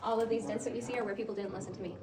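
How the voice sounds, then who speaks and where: A woman's voice: on the high side, fairly even intonation, rapid-fire. A woman working as a cave tour guide, explaining things casually and jokingly to visitors inside an echoing cave. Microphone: visitor's camera, some distance away. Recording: echoey cave, distant voice, background noise.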